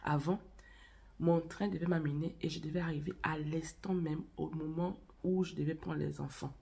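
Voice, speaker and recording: A woman with a cold and a cough hosts a casual vlog on faith and marriage, chatting to viewers as she tells a story. Her low-pitched voice is warm yet gravelly and husky, moving at a moderate pace with fairly even intonation.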